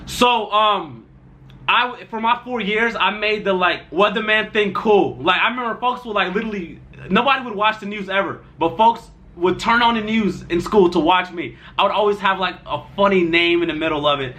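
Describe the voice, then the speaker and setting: A young man tells a rambling storytime tale in a loose, slang-heavy way. His voice sits high and sounds bright and lively. He keeps circling back with fillers as he goes. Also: normal speed. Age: young adult. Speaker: storytime vlogger. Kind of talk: casual storytime.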